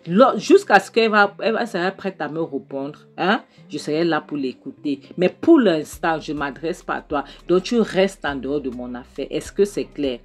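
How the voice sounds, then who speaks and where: A woman's voice: low-pitched, expressive, moderate pace, few pauses. A woman voicing a defiant young woman who curtly warns her aunt to stay out of family business. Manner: curt, firm, lecturing.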